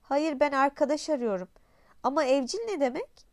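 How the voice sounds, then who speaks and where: A woman voicing a small, gentle boy prince who is curious and lonely, in polite, wondering tones. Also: sits high, lively intonation, normal speed, dry recording, studio quality. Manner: polite, wondering, soft-spoken. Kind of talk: audiobook character voice.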